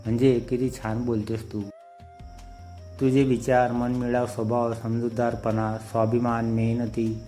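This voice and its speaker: A man voicing a gentle, teasing young suitor in a soft, quiet, even manner. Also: medium pitch, unhurried, soft background music, natural voice. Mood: tender.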